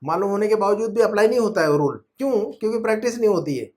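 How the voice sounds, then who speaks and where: A man's voice: high voice, expressive, darkish tone. A man teaching a class at home, patient and repetitive, drilling his students with questions. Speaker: Arabic grammar teacher. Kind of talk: online class explaining in Urdu.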